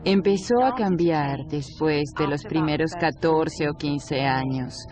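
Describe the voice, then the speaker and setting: A woman's voice: low voice, slow. A woman voicing a devoted middle-aged wife in a dubbed documentary interview, with music behind her. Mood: earnest, tender. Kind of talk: documentary interview voice-over dub.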